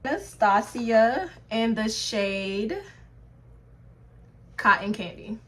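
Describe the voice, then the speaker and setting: A young woman talks through her makeup routine in a relaxed, chatty way, often calling her viewers y'all. Her voice sits a little high, and she takes her time with each phrase. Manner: chatty, addresses viewers as y'all, drawn-out pace. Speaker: beauty vlogger. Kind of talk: casual makeup tutorial chat.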